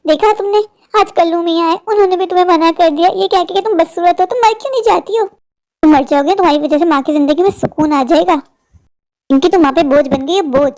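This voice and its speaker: Bratty cartoon sister, woman voicing: vain, mocking, high-pitched. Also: fairly quick, a little mellow. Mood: taunting. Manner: taunting, mocking. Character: spoiled vain younger sister, jealous and cruel. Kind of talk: cartoon storytelling.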